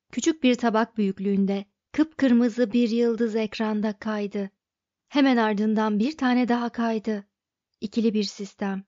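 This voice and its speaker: A woman's voice: on the high side, dark tone, no room sound. Woman narrating an audiobook, dry sound. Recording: dull dry audiobook recording.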